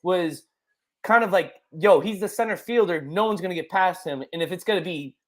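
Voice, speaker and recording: A young man co-hosting a casual sports podcast, excitable and rambling with lots of fillers. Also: high voice, a little fast. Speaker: podcast co-host.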